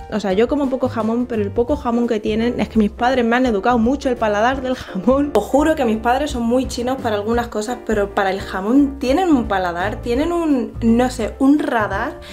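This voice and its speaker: Chatty young Spanish woman vlogger. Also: on the high side. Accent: Spanish from Spain. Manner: chatty and animated, self-mocking. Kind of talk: casual vlog chat. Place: small home kitchen, indoors. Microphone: handheld camera close to face.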